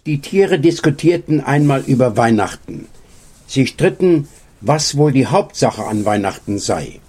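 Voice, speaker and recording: Husky man reading a story aloud. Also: medium pitch, unhurried. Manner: animated, voices the animals. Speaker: story reader.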